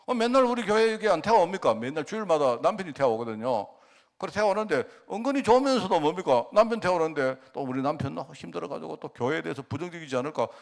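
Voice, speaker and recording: A male pastor in middle age, speaking with a Gyeongsang Korean accent, tells a story during a sermon. His voice sits fairly high and moves a lot, and he keeps throwing rhetorical questions at the congregation. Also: lively intonation, fast, vocal fry.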